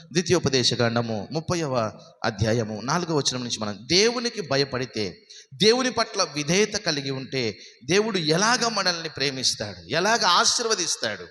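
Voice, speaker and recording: A man preaching a sermon as pastor, asking his listeners question after question and swinging between loud emphatic peaks and low, soft lines. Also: in a large hall. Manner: preaching with many rhetorical questions. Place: church hall.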